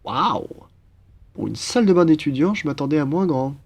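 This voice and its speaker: A young man plays a cheeky, upbeat student roommate in a relaxed French acting roleplay, with a friendly, playful, slangy enthusiasm. His voice is gravelly and on the high side, delivered at normal speed.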